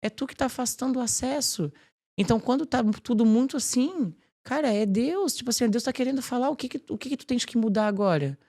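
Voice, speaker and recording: Animated woman sharing her faith. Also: fairly high pitch, a little fast. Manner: animated, fills speech with "tipo assim". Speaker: podcast guest. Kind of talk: casual faith conversation.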